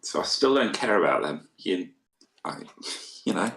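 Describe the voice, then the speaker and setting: A man's voice: sits low, sing-song, normal speed, a bit bright. A man playing a tabletop game, blunt and dry, trading quips in character. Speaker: player. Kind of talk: casual tabletop game talk.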